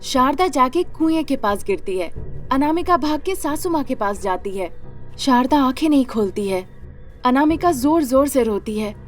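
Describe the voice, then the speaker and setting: A woman narrating a cartoon story in a steady, matter-of-fact way. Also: high-pitched, moderate pace, faint music behind.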